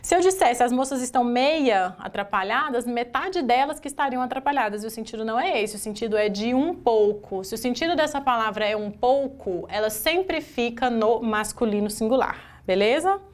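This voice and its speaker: A Brazilian woman leads an exam-prep grammar lesson at a whiteboard. Her voice sits somewhat high, and she breaks each sentence down word by word. She keeps asking the class rhetorical questions. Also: animated, normal speed, few pauses. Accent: Brazilian Portuguese. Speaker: teacher.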